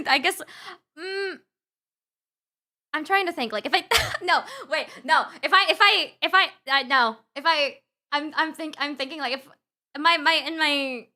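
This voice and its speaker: A woman's voice: high-pitched, a little slow, sharp tone. A woman streaming live and chatting with her viewers in a giggly, rambling way, laughing often and restarting her sentences, close to the mic. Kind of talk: casual livestream chat with viewers. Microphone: close desk mic.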